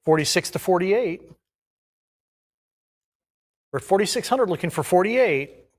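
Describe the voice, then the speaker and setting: A man's voice: high-pitched, expressive, a little fast. A man working as an auctioneer, calling bids in a repetitive chant of numbers and increments.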